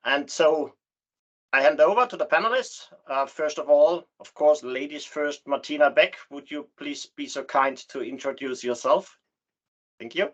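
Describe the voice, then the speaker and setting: Male roundtable host, formally courteous, hesitant delivery, raised pitch, muffled meeting sound. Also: normal speed, fairly bright tone. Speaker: roundtable moderator. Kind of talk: spoken welcome and housekeeping to an online audience. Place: online video meeting. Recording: slightly dull online call audio.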